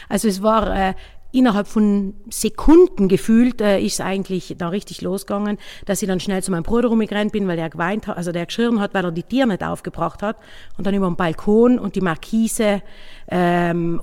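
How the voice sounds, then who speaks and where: A woman innkeeper with a South Tyrolean German accent, telling her own story in a halting, casual way, often searching for words. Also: mid-range voice, a little mellow, in a large hall. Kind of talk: personal account, casual spoken.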